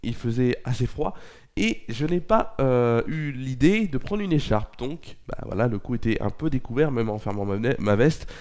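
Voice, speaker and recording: The presenter of this local news and weather bulletin is a young man with a cold-blocked nose and an expressive, medium-pitched voice with a darkish tone, at a moderate pace. He keeps stumbling, using lots of fillers and fixing his own mistakes.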